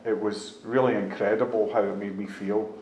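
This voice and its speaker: A man in his fifties from just outside Glasgow, with a Scottish accent from that area, shares plain-spoken, conversational personal testimony with a group at a recovery meeting. His voice sits on the low side and sounds a little mellow, with a flat delivery at a moderate pace. The room is echoey, with faint background noise.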